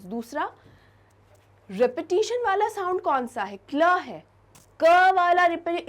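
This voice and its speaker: A woman with a high voice teaches an English lesson to students. She explains in Hindi mixed with English and stretches out example words slowly. She repeats them for emphasis. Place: classroom-style studio lesson.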